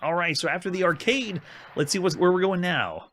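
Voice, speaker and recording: A young man with a slightly raised pitch, talking through retro games on a live stream. His commentary is loose and chatty, full of enthusiasm and quick reactions to the chat. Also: sharp tone. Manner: enthusiastic, chatty, frequent laughs. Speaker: gaming stream host.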